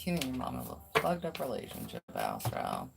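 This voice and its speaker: A woman's voice: very deep voice, huge pitch swings, fairly quick, vocal fry, music in the background. A woman doing a casual live tarot reading. She chats loosely and swears freely, with many "um"s and "like"s. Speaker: tarot reader.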